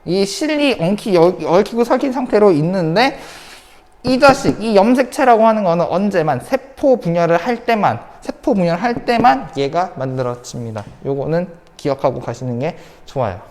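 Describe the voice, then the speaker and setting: A woman's voice: fairly low pitch, expressive, moderate pace, darkish tone, big-room sound. A woman teacher giving an online science lecture, repeating key points and asking the class rhetorical questions. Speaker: high school science teacher.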